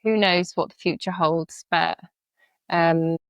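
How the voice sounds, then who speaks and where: Interviewed on a podcast, a woman who leads a charity and served as a veteran speaks with earnest reflection and a few fillers. Her fairly low voice keeps a fairly even intonation, moving slowly with a clean tone. No room sound comes through.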